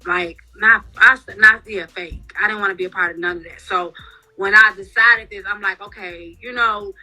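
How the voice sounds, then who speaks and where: Woman guest, chatty and frank, bright tone, retainers slurring slightly, casual interview. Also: mid-range voice, fairly even intonation, moderate pace, soft background music, poor audio. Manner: chatty and candid, lots of "you know" fillers. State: wearing retainers that affect her speech. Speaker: guest, reality TV cast member.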